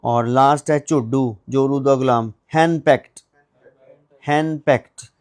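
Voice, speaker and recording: A man teaching English pronunciation, drilling words one at a time in a slow, deliberate way. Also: mid-range voice, a little mellow.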